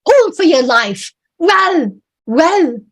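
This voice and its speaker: A woman voicing a frantic male sailor who shouts urgent orders at rowers. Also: high-pitched, sing-song, slow pace, pitched above the performer's own voice, heavily acted. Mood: frantic shouting.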